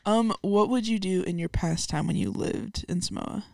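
A woman's voice: medium pitch, normal speed, creaky, a little mellow, no echo, clean studio sound. A young woman interviewing a friend in a curious, informal, chatty way. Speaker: podcast interviewer. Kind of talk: casual chat interview.

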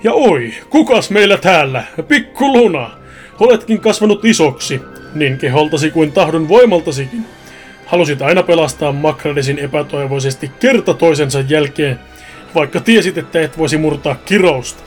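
A man voicing a cruel, mocking male devil who taunts loudly, in a spoken storybook tale with faint music behind. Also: on the high side, animated, natural voice. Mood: taunting. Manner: taunting, loud, mocking laughter.

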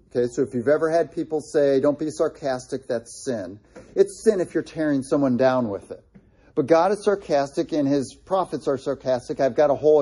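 Husky, mellow-voiced male Bible teacher. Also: mid-range voice. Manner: conversational, with frequent fillers and restarts; points out places on a map while explaining. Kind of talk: casual Bible study teaching.

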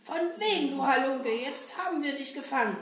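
A woman doing a cheerful brave male puppet hero, lively swooping voice, talks to the kids, roomy echo. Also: high voice, brisk, slight background noise. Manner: lively, sing-song, addresses children directly. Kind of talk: children's puppet show.

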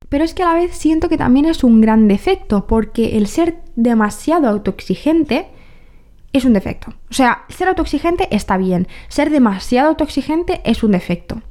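A young woman from talks through her thoughts on her own podcast in a candid, reflective way. Her voice sits a little high, and she keeps correcting herself and tossing in rhetorical questions as she goes. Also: warm tone. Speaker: podcast host. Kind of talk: reflective personal monologue.

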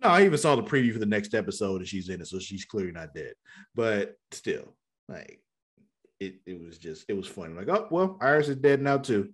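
A man's voice: low-pitched, animated, brisk, a bit bright, husky. A man co-hosting a podcast, casually recapping a TV episode in loose, slangy talk full of fillers. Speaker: podcast co-host.

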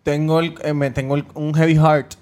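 A man's voice: fairly high pitch, level tone, moderate pace, darkish tone. A Puerto Rican man co-hosting a podcast, teasing the others with crude jokes. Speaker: podcast co-host. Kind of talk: casual banter. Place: podcast studio.

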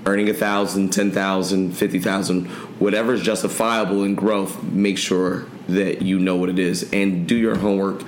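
Low-voiced male podcast guest. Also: moderate pace, roomy sound, a little hiss or hum. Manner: relaxed, thoughtful, hesitant fillers. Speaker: guest, gym owner. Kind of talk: casual interview answers.

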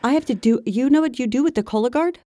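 A woman's voice: high voice, quick pace, mellow, dry recording. A woman co-hosting a podcast in casual chat, sometimes reading items out. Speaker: podcast co-host.

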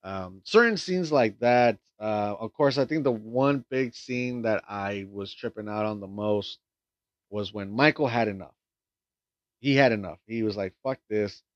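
A lower-voiced man talks through a movie plot in loose, meandering chat, full of ums, restarts and casual swearing. The sound is dull and lo-fi, with a dry, close feel and no room around it. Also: unhurried, no room sound. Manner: rambling, profane, many fillers and restarts. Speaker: film reviewer. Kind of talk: casual film review recap.

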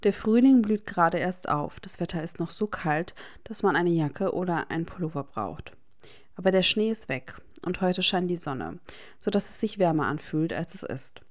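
Audiobook reader, woman, soft calm fanfic narration, lowish voice. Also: moderate pace.

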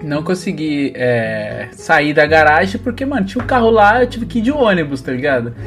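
A man's voice: fairly high pitch, big pitch swings, brisk, fairly bright tone. A young man with a Brazilian Portuguese accent, joking and swearing casually as he banters on a podcast. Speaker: podcast co-host. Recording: music behind the voice.

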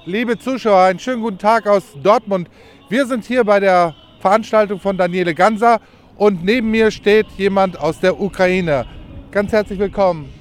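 A man's voice: high voice, moderate pace. A man working as a reporter, asking direct, probing questions in a street interview.

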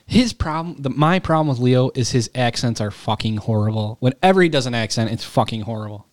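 A man's voice: mid-range voice, lively intonation, brisk, no room sound, clean studio sound. A young man in casual chat, blunt and opinionated, swearing freely.

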